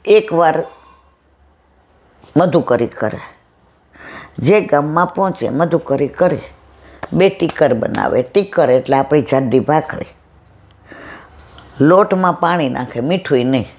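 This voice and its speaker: Animated storyteller at a satsang. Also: medium pitch, slow pace, pauses often. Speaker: devotional satsang speaker. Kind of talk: devotional storytelling talk.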